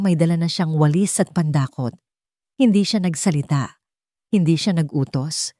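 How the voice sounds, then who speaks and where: A woman with a Filipino accent narrates a dramatic story as an audiobook reader. Her voice is lowish with a darkish tone, recorded dry in clean studio sound.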